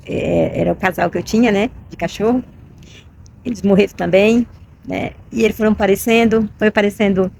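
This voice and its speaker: A middle-aged vlogger with a Brazilian Portuguese accent tells a personal story to camera, emotional and repetitive, often tagging on "you know?". Her fairly high voice has a darkish tone, with a little hiss or hum in the audio.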